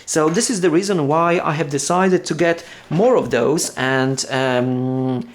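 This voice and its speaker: Speaking with a Polish accent, this male vlogger from Poland, a native Polish speaker, talks casually through an unboxing. His voice is on the high side, and his delivery is halting, packed with fillers and restarts.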